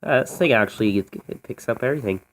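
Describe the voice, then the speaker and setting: An American radio hobbyist quickly and casually demonstrates a vintage radio, unscripted and offhand, in a medium-pitched voice. It's filmed on a handheld phone, with noisy audio and clicks.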